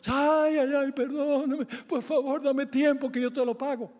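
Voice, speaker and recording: A man's voice: flat delivery, measured pace, darkish tone, in a large hall. A man doing a wailing, weeping debtor begging mercy. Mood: wailing plea. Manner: wailing, high-pitched crying plea.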